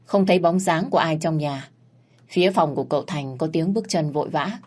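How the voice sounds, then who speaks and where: A woman narrating a period drama story in a steady storytelling voice. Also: sits low, brisk.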